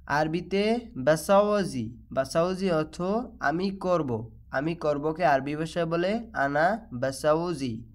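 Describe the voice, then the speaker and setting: Man, Bangladeshi accent, language lesson, slow and repetitive, slightly high voice. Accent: Bangladeshi Bengali. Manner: slow, repetitive drilling of phrases. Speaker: language teacher.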